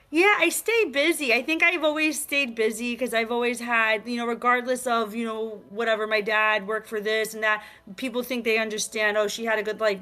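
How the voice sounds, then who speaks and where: This game creator, a bright and energetic New Yorker, chats casually as a guest on a remote virtual talk show, her voice pitched a little high. Streetwise in manner, she leans on plenty of fillers like "like" and "you know."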